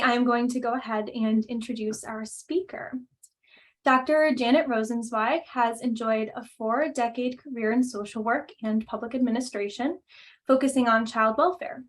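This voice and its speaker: A woman hosting a webinar over a video call, reading out a speaker introduction in a friendly way with frequent "um" fillers. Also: a little high. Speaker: webinar host and coordinator.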